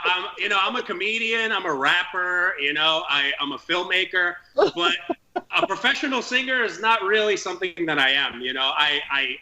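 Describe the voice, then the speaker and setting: A man who is a comedian guest, telling stories in casual chat with an excited, rambling manner. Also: sits high, poor audio.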